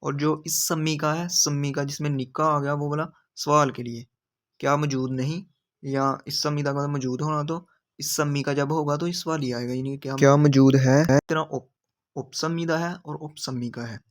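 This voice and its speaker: A man explains grammar patiently, going over each example sentence again and again. His voice sits a little higher than most men's. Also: fairly even intonation, normal speed. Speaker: language teacher. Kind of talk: explaining grammar in a video lesson.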